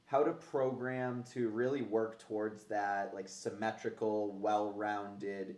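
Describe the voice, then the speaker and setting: A man's voice: on the low side, flat delivery, takes it slowly, a little mellow. A man hosting a casual fitness podcast, talking conversationally with gym-bro slang and casual swearing. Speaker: podcast host. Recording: roomy, echoey sound.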